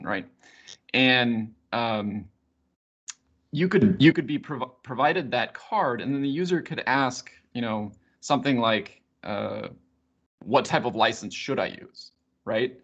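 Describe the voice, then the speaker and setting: Hesitant man explaining software on a call. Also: lowish voice. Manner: hesitant, lots of uh and restarts, explanatory. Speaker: software company guest speaker. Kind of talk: conversational technical explanation. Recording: muffled video call audio.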